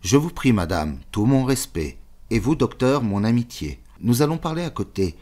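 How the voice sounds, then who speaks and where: A man's voice: lowish voice, lively intonation, a little slow. A man voicing a cordial, self-important general who speaks with a rolling, sing-song foreign lilt and stiff formal courtesy. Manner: formal, ceremonious.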